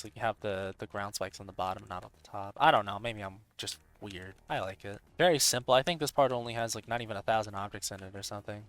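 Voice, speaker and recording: A man giving casual gameplay commentary, excitable and laid-back, full of swearing and surfer-bro slang. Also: fairly low pitch, no echo. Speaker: gaming video host.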